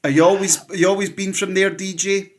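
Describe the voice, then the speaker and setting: Male internet show host, notably high voice, teasing and repetitive, running a casual live interview. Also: little pitch movement, a little fast. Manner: repeats phrases, teasing, addresses guest as sir. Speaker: online news show host.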